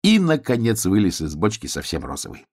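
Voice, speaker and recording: A man narrating a children's storybook in an expressive, animated read-aloud style. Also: fairly low pitch, a little fast, breathy edge.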